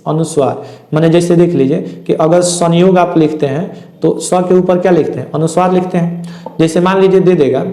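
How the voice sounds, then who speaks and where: Guy teaching a lesson, asks then answers himself, mellow voice kinda high, echoey room. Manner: repeats each question and answers it himself. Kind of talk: classroom lesson.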